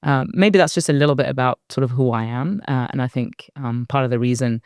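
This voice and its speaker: Guesting on an interview, a woman from Iraq in her forties who serves as a company board director speaks in a thoughtful, measured, reflective way, using soft fillers. The voice is extremely low-pitched with a clean tone, recorded in clean studio conditions without echo.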